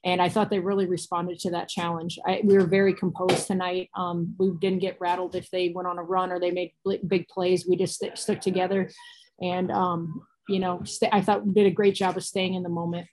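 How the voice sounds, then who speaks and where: Her fairly low, slightly mellow voice has little pitch movement and a fairly quick pace. She's a basketball coach in her thirties with an American accent, giving down-to-earth, colloquial postgame press conference answers over a video call. The setting is a small cinder-block room indoors, the mic a laptop or phone, and the low-quality recording has a little hiss or hum.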